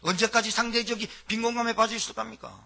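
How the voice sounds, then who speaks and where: A middle-aged male pastor preaching a sermon, asking rhetorical questions and swinging between loud emphatic lines and quiet ones. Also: sits high, fairly even intonation, fast talker, vocal fry.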